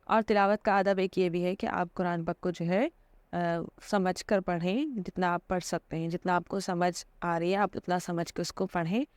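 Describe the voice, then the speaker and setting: A woman Islamic teacher patiently talks through an informal religious lesson, peppering it with fillers and frequent check-ins like a repeated "theek hai." She has a fairly low, darkish voice with fairly even intonation, and there's no echo.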